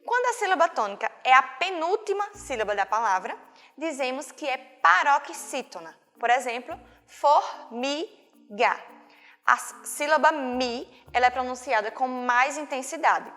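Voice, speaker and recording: A woman teaching a video lesson to young children, with a Brazilian Portuguese accent, patient and slow, often checking in with the class. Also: high voice, animated, bright, forceful tone. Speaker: primary school teacher. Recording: long hall reverb, faint music.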